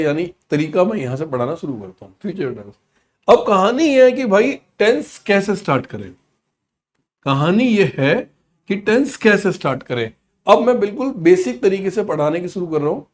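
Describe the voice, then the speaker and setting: A man teaching a live online class, energetic and coaxing, often slipping into English phrases. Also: high voice.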